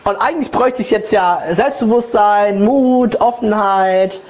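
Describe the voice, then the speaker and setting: A woman's voice: medium pitch, a little slow, a little mellow, lo-fi sound. A woman giving a personal development talk, telling her own story conversationally with tag questions. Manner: conversational, tag questions, acts out inner voices. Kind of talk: lecture with personal anecdote.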